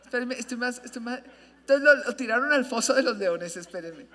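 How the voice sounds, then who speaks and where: A woman pastor preaching a sermon, stretching key phrases for emphasis and correcting herself often. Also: on the high side. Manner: expressive preaching, drawn-out emphatic phrases, frequent self-corrections. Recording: long hall reverb.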